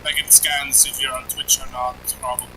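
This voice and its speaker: A man's voice: medium pitch, level tone, fairly quick, distant mic, background noise. A man chatting casually on voice chat with gaming friends, joking and laughing.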